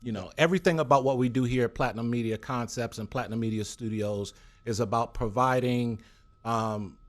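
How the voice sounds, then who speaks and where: A man's voice: mid-range voice, a little fast. A man hosting a talk show, with a hyped, playful and joking way of talking. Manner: hyped, playful, jokey banter. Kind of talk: casual interview chat.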